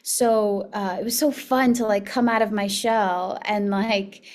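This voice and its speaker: A woman's voice: mid-range voice, fairly even intonation, a little slow, darkish tone. A young woman from Miami, an actress guest chatting casually in an interview, filling her talk with likes and laughs. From Miami, United States. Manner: chatty, laughs often, many fillers.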